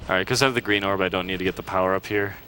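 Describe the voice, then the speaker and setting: A man, a speedrunner, gives relaxed live commentary as he plays, explaining tricks with small restarts and fillers. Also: sits low, racing, a little hiss or hum. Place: live charity marathon event.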